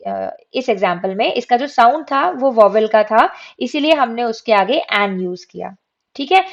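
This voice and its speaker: A woman teaching English grammar from slides. She asks her students questions and answers them herself. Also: fairly high pitch. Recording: dull lo-fi recording.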